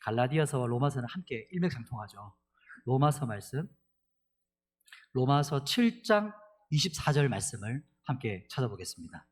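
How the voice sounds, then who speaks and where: A middle-aged male pastor giving an animated sermon, leading the congregation in reading scripture aloud. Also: mid-range voice, normal speed, slight background noise.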